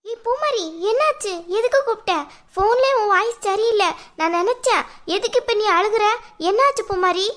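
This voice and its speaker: A very high, bright cartoon voice of a caring young village woman, acted by a woman. She coaxes and insists, pressing her sister for answers. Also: moderate pace. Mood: coaxing. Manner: coaxing, insistent questioning. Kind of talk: cartoon voice acting.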